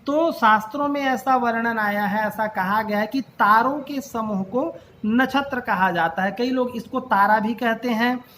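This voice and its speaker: A woman with a somewhat high voice gives a patient astrology lesson. She works through each point step by step, often pausing in hesitation mid-sentence. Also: fairly bright tone, slight background noise. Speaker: astrology teacher. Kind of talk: explanatory lecture on astrology basics.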